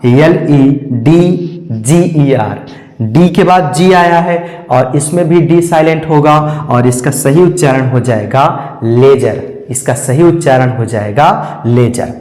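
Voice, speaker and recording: A male English teacher with a Hindi accent gives a classroom lesson, going slowly and repeating each rule and spelling out words letter by letter. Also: medium pitch, darkish tone. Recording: echoey classroom with long reverb.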